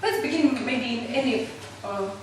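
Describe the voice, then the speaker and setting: A high-voiced woman with a Russian accent explains an exercise to her group. She speaks halting English, often pausing to find the word. The recording is distant and very echoey, with clear noise behind her. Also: animated. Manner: halting, searching for words in non-native English. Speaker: teacher leading a group exercise.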